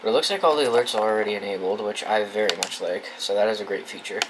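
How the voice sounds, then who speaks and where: Talking fast, a young adult video host from New England narrates unboxing and setting up a gadget in his dorm room. He has a fairly low voice and a loose, informal style, thinking aloud and swearing without restraint. Background noise is clearly audible.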